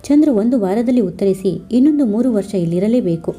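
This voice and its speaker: A woman storyteller reading a family story aloud in a steady, scripted narration. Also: medium pitch, a little fast, breathy edge, faint music behind.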